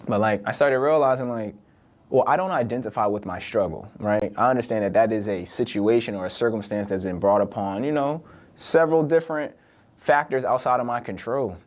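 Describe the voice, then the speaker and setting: Talking fairly quickly in a mid-range voice, a young man who hosts a podcast delivers a relaxed solo monologue full of "like" and "right?". He was born in the UK and grew up in Virginia.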